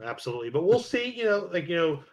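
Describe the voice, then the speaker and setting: A man co-hosting a casual card game podcast, relaxed and rambling, with lots of fillers and restarts. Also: a little high, fast. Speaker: podcast co-host.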